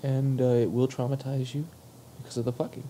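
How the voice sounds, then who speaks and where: A man's voice: medium pitch, level tone, brisk, mellow, slight background noise. A young man hosting a casual comedic podcast, joking in mock-formal phrases and swearing casually. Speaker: podcast host.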